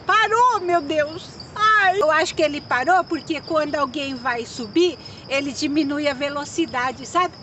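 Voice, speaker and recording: A woman's voice: high voice, a little slow, hardly any pauses, a bit bright, a little hiss or hum. A woman vlogging casually from a phone on an open cable car outdoors, chatty, nervous and exclaiming. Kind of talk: casual vlog narration. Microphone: handheld phone.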